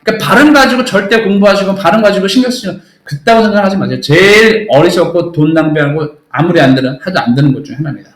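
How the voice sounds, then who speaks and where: Man, English teacher, classroom lecture, blunt and emphatic, high voice, echoey room. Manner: emphatic, blunt, keeps asking "understood?".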